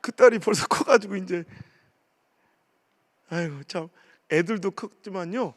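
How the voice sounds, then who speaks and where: A man in his forties, a pastor preaching a revival sermon, telling family stories in a lively way and acting out the voices of his relatives. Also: high-pitched, unhurried. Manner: animated storytelling, acting out family members' voices.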